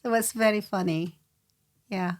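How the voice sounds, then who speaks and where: An older woman from South Korea with a Korean accent, answering interview questions slowly, with many pauses and fillers. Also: mid-range voice. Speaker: guest. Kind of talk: casual interview.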